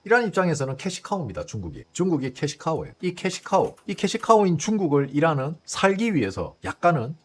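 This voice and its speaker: Man, husky, lively pitch, profane political commentary host. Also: fast, hardly any pauses. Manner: blunt, coarse, profane, rhetorical questions.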